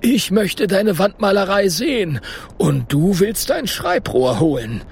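A man voicing an impatient, excitable professor who calls out loudly. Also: high-pitched, unhurried, gravelly, husky, voice pushed up, full character voice. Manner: loud, calling out.

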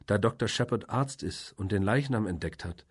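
A man's voice: fairly low pitch, moderate pace, slightly rough. A man reading an audiobook and voicing a nervous, earnest young woman who pleads for help, in a raised voice. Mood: pleading.

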